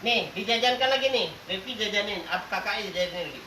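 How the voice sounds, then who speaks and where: A man teaches a classroom lesson in call-and-response, playful and teasing, stretching each example word out slowly. His voice is bright and on the high side for a man. It sounds picked up from across an echoing room with a faint hiss beneath. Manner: playful, quizzes the class and jokes; drawls out example words slowly. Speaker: religious teacher. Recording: roomy, distant classroom recording with faint noise.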